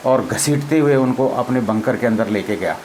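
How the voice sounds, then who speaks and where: A man's voice: medium pitch, moderate pace, darkish tone, a little hiss or hum, rough recording. A man, a former army officer, telling a personal story in a casual spoken way, acting out the dialogue and laughing as he goes. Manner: acts out quoted dialogue, laughs as he tells it.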